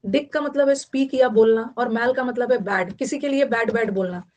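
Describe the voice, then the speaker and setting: Young Indian woman teacher, higher voice, repeats each word as she explains it. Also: normal speed, darkish tone. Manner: explains in Hindi mixed with English, repeating words. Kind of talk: online vocabulary class.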